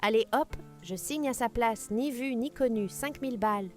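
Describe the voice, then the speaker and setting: A woman's voice: on the high side, moderate pace, darkish tone, faint music behind, natural voice. A woman voicing a hypocritical, greedy adult son who speaks in a smarmy, fawning way.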